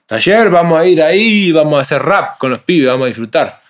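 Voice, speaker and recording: A man's voice: fairly high pitch, a little fast. A young man with a Uruguayan accent, a rapper guest in a casual interview, telling stories animatedly in street slang. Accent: Uruguayan Spanish. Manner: animated street slang storytelling, acts out others' voices.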